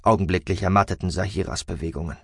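A man narrating a science fiction audiobook in an expressive storytelling manner. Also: sits low, fast talker, slightly rough, no echo, clean studio sound.

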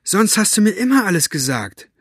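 A man's voice: lively intonation, fairly quick, no echo, studio quality, lightly acted. Man voicing a furious demanding young girl. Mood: angry, demanding. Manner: shrill, demanding shouts. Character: angry stubborn young girl.

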